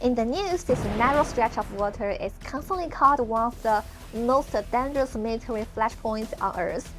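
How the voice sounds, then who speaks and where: A woman from mainland China with a mainland Chinese accent, narrating a travel vlog with lively storytelling. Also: fairly high pitch, moderate pace, soft background music. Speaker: travel vlogger.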